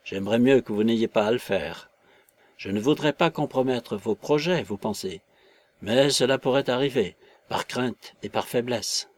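A man's voice: mid-range voice, normal speed, darkish tone, no echo, close to an everyday voice. A man voicing a timid, self-pitying tramp who groans and pleads in a storybook reading. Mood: whining. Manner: plaintive, cowering, self-pitying. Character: whining, timid tramp, middle-aged man.

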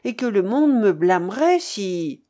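A woman reading an aging aristocratic father in an audiobook, speaking gravely with anguished, indignant outbursts. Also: mid-range voice, big pitch swings, unhurried, mellow.

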